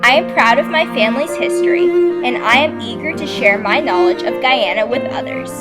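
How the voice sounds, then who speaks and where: A woman's voice: high voice, animated, a little fast, loud music behind the voice. A young woman from Arkansas reading a scripted documentary narration in an earnest, read-aloud way. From Arkansas, USA.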